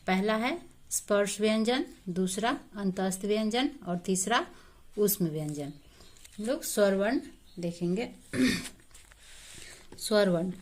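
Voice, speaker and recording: Woman, schoolteacher, patient drilling delivery, repeats examples, slowly stretched vowel demos. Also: medium pitch. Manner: stretches vowels slowly when demonstrating sounds. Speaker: Hindi grammar teacher. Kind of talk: explanatory classroom lesson.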